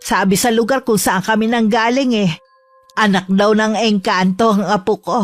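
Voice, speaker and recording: A woman voicing a secretive old grandmother who speaks calmly and politely, with faint music behind. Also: mid-range voice, normal speed, no room sound, natural voice. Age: older. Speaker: customer.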